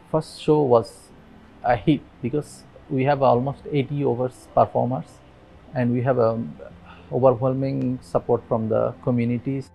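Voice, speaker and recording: A Bangladeshi man in his thirties, interviewed in a dim room on a lapel mic, telling his story earnestly with halting restarts. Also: mid-range voice, little pitch movement, vocal fry, warm tone, rough recording. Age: 30s. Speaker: interviewee, migrant worker. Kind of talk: documentary interview. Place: dim indoor room with fans.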